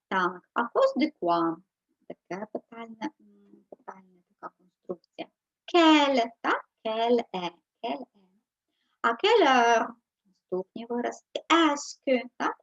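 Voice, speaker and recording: A woman's voice: fairly high pitch, breathy edge, dry recording. A woman teaching a French lesson, explaining patiently and often checking with her students. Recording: dull lo-fi sound.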